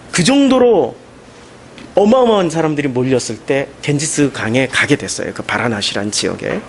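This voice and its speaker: A man preaching a Sunday sermon as pastor, animated and emphatic, with questions put to the congregation. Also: on the high side, slight background noise. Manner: animated, rising into emphatic questions and mocking quotes.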